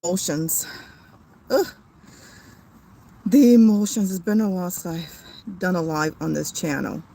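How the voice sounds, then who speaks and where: A woman in her thirties on a livestream, tearful and halting, with many fillers and restarts. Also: lowish voice, gravelly, mellow. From came to the US as a child. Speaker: family channel host. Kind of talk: emotional livestream talk.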